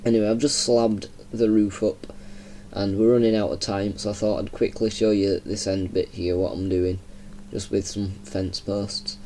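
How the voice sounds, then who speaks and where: A young man from Yorkshire with a Yorkshire accent, giving casual, rambling commentary while playing a game and laughing softly now and then. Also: lowish voice, flat delivery, normal speed, a little hiss or hum. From Yorkshire, England. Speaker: gaming channel host.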